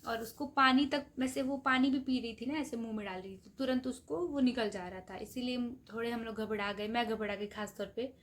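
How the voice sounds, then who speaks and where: A woman vlogger talking casually to her viewers from a hospital and later at home, explaining things step by step, hushed late at night. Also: fairly high pitch, fairly quick, few pauses. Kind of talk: casual vlog narration. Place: hospital grounds, then home room.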